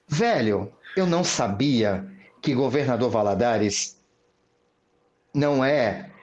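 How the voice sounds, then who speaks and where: A man, a podcast guest and self-defense instructor, telling stories in a slangy, animated way and laughing often. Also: mid-range voice, slow. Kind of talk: casual podcast storytelling. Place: podcast studio.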